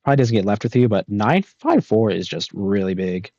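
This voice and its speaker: Low-voiced man commentating a board game. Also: expressive, brisk, a little mellow, dry recording, lo-fi sound. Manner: analytical, laughing easily. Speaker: commentator and host.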